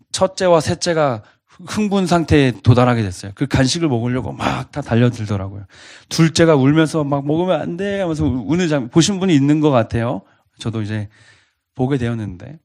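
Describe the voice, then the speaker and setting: A man's voice: medium pitch, expressive, brisk, a little mellow. A man pastor preaching a sermon to a college congregation, earnestly asking them repeated questions.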